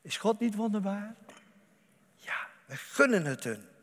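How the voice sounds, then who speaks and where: A male preacher delivering an impassioned sermon, swinging between loud outbursts and hushed murmurs. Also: high voice, sing-song, a little slow, big-room sound.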